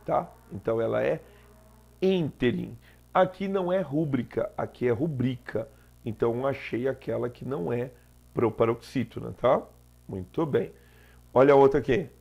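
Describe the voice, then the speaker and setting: A man's voice: medium pitch, vocal fry, darkish tone, husky, dull audio. A Brazilian Portuguese-speaking man teaching an exam prep lesson, explaining step by step and checking in with "tá?" after each point.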